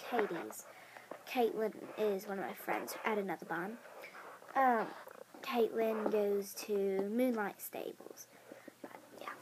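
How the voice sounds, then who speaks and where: A woman's voice: fairly high pitch, a little hiss or hum, low-quality recording. A female speaker giving a casual tour of a toy horse barn, rambling with many ums and whispered asides, filmed on a handheld phone in a bedroom. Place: bedroom with toy stable, indoors. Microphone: handheld phone camera.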